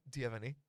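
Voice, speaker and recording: A man's voice: dry recording, clean studio sound. A man hosting a podcast, blunt, crude and teasing in casual chat. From Malta. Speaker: podcast host.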